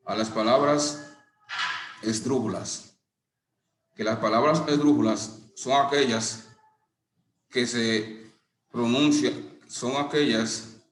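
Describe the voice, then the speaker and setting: A middle-aged man teaching a lesson, explaining slowly and deliberately with a few restarts. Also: medium pitch, slight background noise. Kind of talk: classroom lesson. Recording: echoey room with faint ambience.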